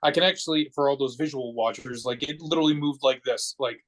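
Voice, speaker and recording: Speaking fast in a medium-pitched, slightly bright voice, a forty-year-old American from Connecticut recounts personal stories as a podcast guest. His telling is casual, rambling and matter-of-fact. The recording is low quality.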